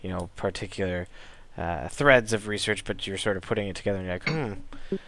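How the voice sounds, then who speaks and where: A young man running a tabletop game as game master, narrating in a rambling way with many pauses and restarts. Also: low-pitched, steady tone, creaky, a bit bright, slight background noise. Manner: rambling, full of ums and restarts.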